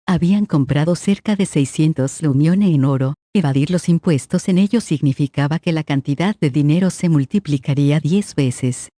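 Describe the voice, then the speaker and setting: Mellow steady audiobook narrator. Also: mid-range voice, no echo, studio quality. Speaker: audiobook reader. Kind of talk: scripted narration of a novel.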